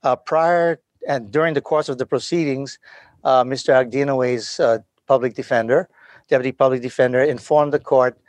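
A mid-pitched man argues formally as a lawyer. He speaks in halting, choppy pieces, and the sound is dry, with very little room. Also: no echo. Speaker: defense attorney arguing an appeal. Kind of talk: formal oral legal argument.

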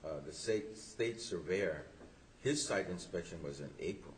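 A man questioning from the bench as a justice, in a halting, deliberate way. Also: low voice, expressive. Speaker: appellate justice questioning lawyers. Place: courtroom. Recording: faint background noise.

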